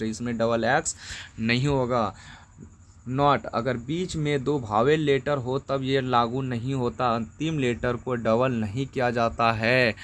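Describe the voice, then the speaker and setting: A man with a Bihari accent teaching grammar rules, speaking in a slow, methodical way and repeating each example word twice. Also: mid-range voice, slight background noise. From India. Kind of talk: explaining grammar rules to students.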